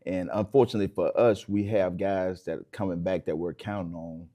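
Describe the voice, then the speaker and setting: Deep, mellow male coach. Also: fairly even intonation, brisk. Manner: explanatory, colloquial. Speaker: basketball coach. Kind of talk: casual sports interview.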